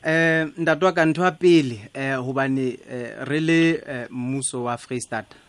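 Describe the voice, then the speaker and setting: A man with a South African Sotho accent explaining things haltingly as an official guest in a radio interview. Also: mid-range voice, dry recording. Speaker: liquor authority spokesman, studio guest. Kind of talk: interview answers. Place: radio studio.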